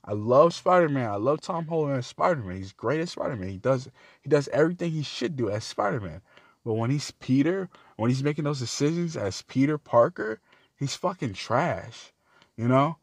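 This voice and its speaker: Young male vlogger, fired-up cursing rant, mid-pitched voice, dry sound. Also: lively intonation, moderate pace, no room sound. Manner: heated, swearing, pitch jumps up when outraged. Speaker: video creator. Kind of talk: profane film rant.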